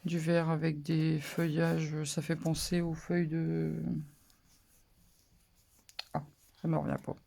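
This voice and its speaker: A papercraft channel host chatting casually through a haul of paper pads, relaxed and hesitant. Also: mid-range voice, slow, vocal fry, pauses often. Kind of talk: casual haul show-and-tell.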